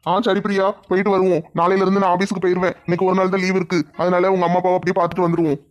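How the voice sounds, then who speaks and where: A man's voice: sits high, level tone, rapid-fire, natural voice. A man voicing an affectionate young husband, coaxing. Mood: fond. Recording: dull lo-fi recording.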